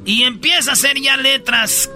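A man, an animated comedian telling a bit with lots of slang. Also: very high voice, normal speed, soft background music. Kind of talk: comedy sketch chat.

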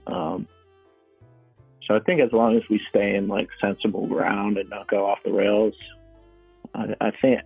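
A man's voice: on the low side, level tone, measured pace, vocal fry, pauses often, slightly rough, no echo, soft background music. A young man calling in on speakerphone, chatting casually, agreeable and hesitant with frequent restarts. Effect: on speakerphone over a phone line. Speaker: caller. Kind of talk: casual chat. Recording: tinny dry phone line.

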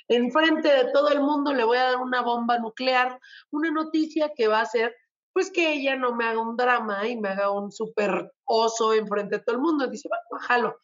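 A woman's voice: high voice, fairly bright tone, highs cut off. A woman with a Mexican Spanish accent hosting a casual show segment, telling stories in a playful, gossipy way and acting out the quotes. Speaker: show host. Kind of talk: casual chatty news segment.

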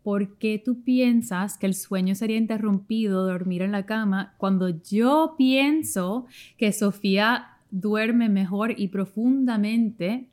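A young adult woman, a mother hosting a podcast, reasoning calmly with her own mother. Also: mid-range voice, takes it slowly, few pauses. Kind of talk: casual podcast conversation.

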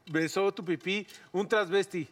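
A man with a Mexican accent, teasing friends loudly with crude jokes in casual group banter. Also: high-pitched, steady tone, a little slow, a loud crowd.

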